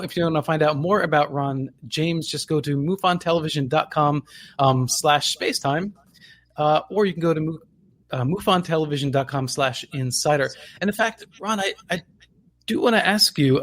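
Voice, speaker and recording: A man hosting a radio interview show in a casual, conversational way. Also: a little high.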